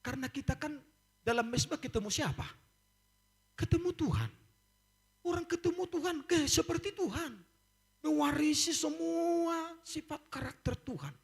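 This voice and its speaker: Animated preacher man. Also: very high voice. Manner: animated preaching, acts out quoted voices, laughs. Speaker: pastor. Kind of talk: lively sermon.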